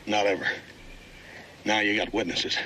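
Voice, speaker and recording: An actor playing a loyal, protective ranch son who talks in an earnest, plain-spoken way in a 1960s TV western. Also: male voice, on the low side, level tone, unhurried, noisy background, natural voice. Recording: TV soundtrack with score.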